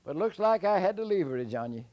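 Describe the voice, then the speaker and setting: A man's voice: big pitch swings, fast talker, highs cut off. A man voicing Jack, a clever young trickster boy, in a told folktale. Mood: cocky, hollering. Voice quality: high, shouting, boastful drawl.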